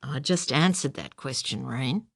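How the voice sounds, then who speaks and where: A woman voicing a blunt, steady male country policeman in an audiobook. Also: a bass voice, a little slow, vocal fry, husky, dry recording, clean studio sound, pitched below the performer's own voice, exaggerated voice. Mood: serious.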